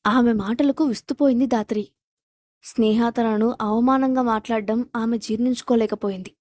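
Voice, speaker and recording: A woman narrates a scripted audio story in a steady, dramatic reading. Her voice sits slightly high. The recording is dry and close, with no room sound. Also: normal speed, dry recording.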